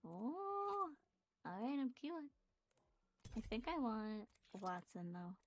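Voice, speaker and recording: Brief: playful young woman streamer, excitable game commentary, lively pitch. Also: takes it slowly. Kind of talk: livestream gaming chat.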